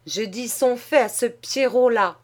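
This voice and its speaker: A woman's voice: fairly high pitch, unhurried, a little mellow, voice pushed up, natural voice. Brief: woman doing a coarse young wife, contemptuous and scolding. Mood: scornful.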